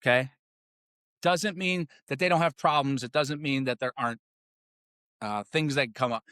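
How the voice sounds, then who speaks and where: A man's voice: mid-range voice, moderate pace, a bit bright, no room sound, clean studio sound. A man hosting a political podcast, ranting with angry, sarcastic, profane commentary. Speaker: podcast host.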